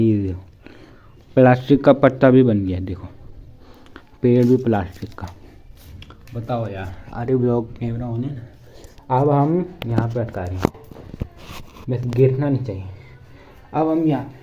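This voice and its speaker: A man's voice: medium pitch, warm tone, slight background noise. A young man from India vlogging casually while cleaning his village home, joking and rambling to viewers, a bit out of breath, recorded on a phone with no mic. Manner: chatty, jokey, rambling, addresses viewers as brothers. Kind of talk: casual vlog chat. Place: village house, cleaning rooms. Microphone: phone camera, no external mic. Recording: dull lo-fi phone audio in an echoey room.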